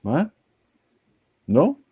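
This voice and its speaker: A man's voice: fairly high pitch, huge pitch swings, extremely slow, husky, no echo. A man chatting as a guest over a video call whose audio breaks up and freezes, sounding puzzled and questioning. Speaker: guest on a watch livestream. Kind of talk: casual chat. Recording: dull lo-fi video call line.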